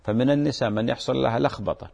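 Man, sheikh, religious Q&A program, measured delivery, repeats words for emphasis, gravelly, long reverb. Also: mid-range voice, a little mellow. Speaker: sheikh answering listeners' religious questions. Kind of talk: religious question-and-answer program.

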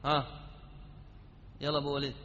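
A man's voice: medium pitch, monotone, moderate pace, a bit bright, slight background noise. A man teaching an Arabic grammar class, quizzing his students and prompting them with repeated questions. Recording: dull lo-fi sound in a reverberant hall.

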